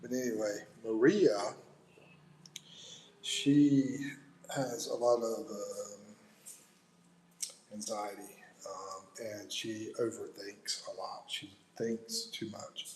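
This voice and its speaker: A middle-aged American man hosts a relaxed livestream, reading out viewer comments and answering them in a loose, chatty way. He talks at an unhurried, drawn-out pace, and a faint hum of ambience sits behind him. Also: fairly low pitch, rough recording. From United States. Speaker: livestream host. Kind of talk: casual live chat reading viewer comments.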